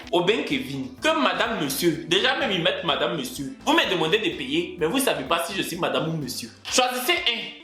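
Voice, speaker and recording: A young Ivorian man with a fairly high voice who talks in an animated, showy way, teasing his viewers and hammering his phrases home. He films himself at home on a camera mic. The room gives his voice a noticeable echo. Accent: Ivorian French. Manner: animated, theatrical, teasing, repeats phrases for effect. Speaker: vlogger. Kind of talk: comic self-promoting vlog rant.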